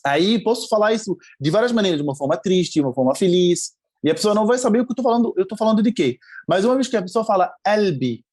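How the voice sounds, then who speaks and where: A man's voice: sits high, expressive, rapid-fire, a little mellow. A male language teacher, a guest on a podcast, explaining things patiently with frequent hesitations. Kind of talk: casual interview chat.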